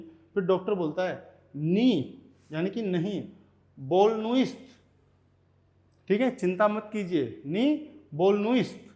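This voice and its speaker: A man teaching Russian vocabulary in Hindi, repeating each word slowly and checking in with "okay" as he goes. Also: high-pitched, warm tone. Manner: repeats words slowly, often says "ठीक है". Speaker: language teacher.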